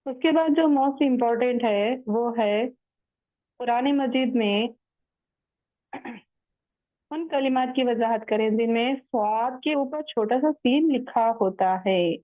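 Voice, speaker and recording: A woman teaching Quran recitation in an online class, patiently explaining rules step by step and chanting the verses slowly. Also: a little high, no echo. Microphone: online call audio. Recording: tinny phone-like line, dry.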